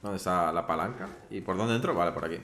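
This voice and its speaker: Talking fast with lively intonation, this streamer's low, slightly bright voice runs casual commentary as he plays a video game for his viewers. The room sounds spacious, with faint noise underneath.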